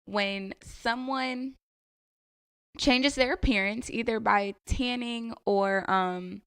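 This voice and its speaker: A woman co-hosting a casual podcast, relaxed, laughing easily and explaining things with a few fillers. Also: a little high, slow pace, smooth, dry recording, studio quality. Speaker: podcast co-host.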